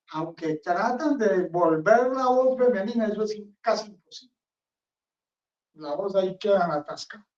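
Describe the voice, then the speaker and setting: Friar preaching, blunt and chatty, dull muffled recording. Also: male voice, sits high, a little mellow. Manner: rambling, conversational, blunt. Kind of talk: sermon. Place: chapel. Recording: roomy, distant, dull sound.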